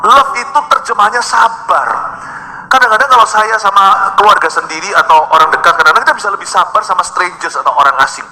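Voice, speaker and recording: A man preaching a sermon, mixing English phrases into his talk and swinging between emphatic bursts and quiet drops. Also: sits high, fast talker. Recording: long hall reverb with soft music behind.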